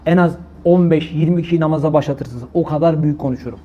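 Impassioned high-voiced Turkish man preaching. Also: fast, dull audio. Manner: impassioned, exhorting, quotes Quranic Arabic. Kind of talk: religious talk to an audience.

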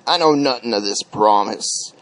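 A man voicing a gruff, indignant male thunder god who is a protective father, speaking in stern declarations. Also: medium pitch, moderate pace, a bit bright, pitched below the performer's own voice, lightly acted, poor audio.

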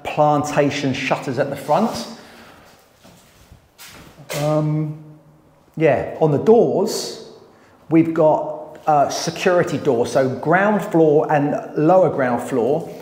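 Touring a renovation company's project, a man in his thirties who manages the site runs through an empty house casually, briskly and matter-of-factly naming each job room by room. His voice sits on the high side and is a little mellow. Another person films the bare plastered interior on a wide-angle camera, keeping him a few meters away.

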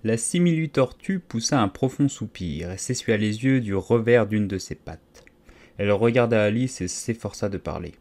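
A man narrating a storybook audiobook in a calm, measured, deliberate reading. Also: on the low side.

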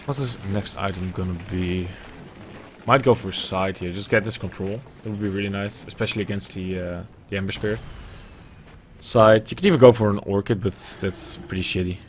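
Sitting at his desk at home with earbuds and a webcam, a young esports caster from the Netherlands calls a game by himself. He has a Dutch accent and a low voice, talks a little fast and keeps it casual, musing aloud and cursing occasionally. Slight background noise is audible.

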